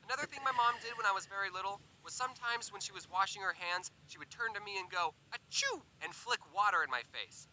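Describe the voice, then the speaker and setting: A young man telling comedic childhood stories in an animated, sarcastic way with deadpan asides. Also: high-pitched, fast talker, few pauses, slight background noise, rough recording. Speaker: storytelling video creator. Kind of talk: comedic storytime narration.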